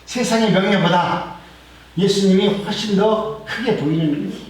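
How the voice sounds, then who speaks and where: A high-voiced middle-aged male pastor preaches earnestly, his volume swelling and then sinking low. He sounds set back from the mic, and his words ring through a very echoey church hall. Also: moderate pace, distant mic. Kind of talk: sermon. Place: church sanctuary.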